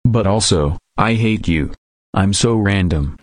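A computer-made male robot voice reading a scripted aside in a flat, deadpan way. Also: lowish voice, a little slow, no echo, clean studio sound. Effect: synthetic text-to-speech robot voice. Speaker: editor's inserted announcer.

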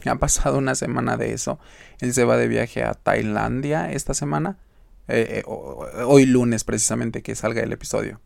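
Gravelly Mexican man giving advice. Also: medium pitch, fairly even intonation, normal speed, no echo, clean studio sound. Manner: chatty, emphatic, talks straight to the listener. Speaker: podcast host. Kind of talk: casual advice monologue.

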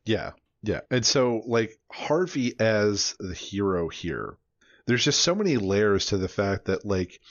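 A man with a low voice co-hosts a casual book podcast and rambles, filling his talk with "you know" and "like". His mic sounds slightly dull and dry, with no room sound. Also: very animated, a little slow, dry recording. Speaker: podcast co-host.

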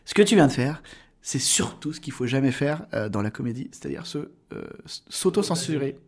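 A man in his thirties, guesting on a casual podcast, talking at a middling pitch. He explains his craft at length, full of hesitations and fillers. He laughs easily and stays animated. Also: fairly quick. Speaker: voice actor guest.

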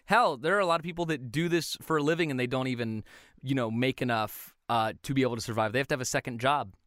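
A man's voice: medium pitch, quick pace, fairly bright tone, no room sound, studio quality. A young man, a voice actor, chatting casually as a guest on a podcast, laughing often.

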